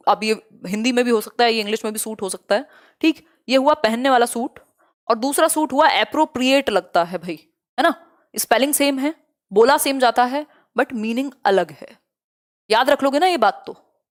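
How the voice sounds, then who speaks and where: A young woman teaching an online exam-prep lesson, explaining in a lively way, mixing English terms into her talk and often checking that her students follow. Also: a little high. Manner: lively, asks students many check questions; mixes Hindi and English terms.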